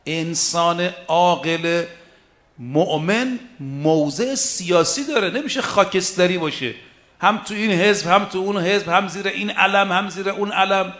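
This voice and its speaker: High-voiced man preaching emphatically. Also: a bit bright. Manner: emphatic, preaches in short rhythmic lists; slowly intones Arabic verses. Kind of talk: religious sermon.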